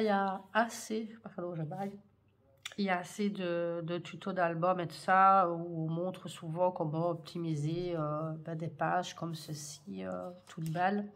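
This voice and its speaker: A woman chatting hesitantly in a craft haul vlog, full of fillers and gushing over cute items. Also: on the low side. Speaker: scrapbooking haul vlogger. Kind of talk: casual show-and-tell chat.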